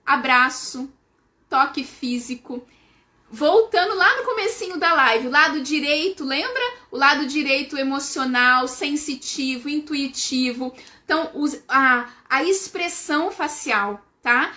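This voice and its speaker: A woman with a Brazilian Portuguese accent speaks in a high, bright voice during a live talk for parents. She explains things patiently, keeps calling out to her listeners and checks in with a quick "tá?" as she goes. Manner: warm explaining, addresses "gente", frequent "tá?" checks. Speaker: parenting educator.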